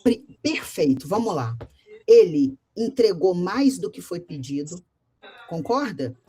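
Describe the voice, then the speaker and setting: A woman with a Brazilian Portuguese accent teaching a class, telling a story and questioning her students in a lively, direct way. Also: on the low side, slow pace.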